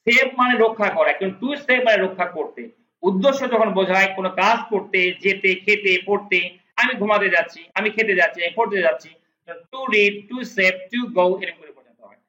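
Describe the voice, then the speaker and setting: Bright-voiced man teaching English, echoey room. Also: high voice, muffled recording. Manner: explains slowly, repeating English words and translating each. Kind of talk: spoken English lesson.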